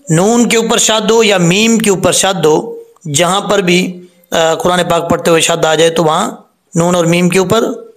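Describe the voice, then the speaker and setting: Slow, high-voiced man teaching recitation. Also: fairly bright tone. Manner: patient, explains step by step, sings out verses slowly. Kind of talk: tajweed lesson with recitation.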